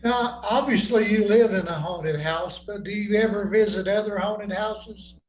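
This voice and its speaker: A man hosting a podcast, asking short, relaxed follow-up questions in a casual interview. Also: sits high, unhurried, low-quality recording. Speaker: podcast host.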